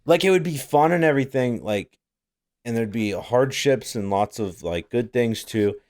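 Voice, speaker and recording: A man's voice: mid-range voice, lively intonation, normal speed, darkish tone. Rambling, swearing young man. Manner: rambling, swears a lot, laughs often. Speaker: podcast co-host. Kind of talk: casual chat.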